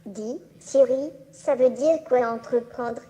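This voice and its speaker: A woman's voice: a little high, slow, mellow, low-quality recording. A synthetic female robot voice of a small cheerful humanoid robot, giving a neatly enunciated scripted presentation. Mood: polite, playful.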